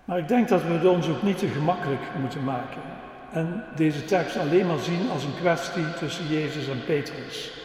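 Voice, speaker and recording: A man preaching a sermon and telling a story to children in a measured, solemn way. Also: on the high side, a little mellow, a little hiss or hum. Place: large church. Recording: echoey church hall with long reverb.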